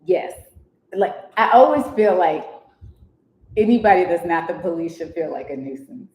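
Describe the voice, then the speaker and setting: A woman's voice: fairly low pitch, moderate pace, reverberant, poor audio. A woman from Maryland reading a story aloud and breaking off to joke and critique it. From Columbia, Maryland. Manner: animated, joking, interrupts to critique. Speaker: podcast co-host.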